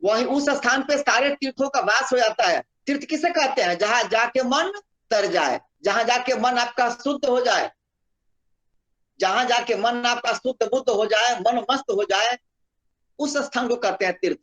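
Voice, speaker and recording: A man's voice: very high voice, normal speed, a bit bright, low-quality recording. A man giving a spiritual discourse as a scripture study teacher, reciting Sanskrit verses and explaining by repeating phrases, heard over a video call.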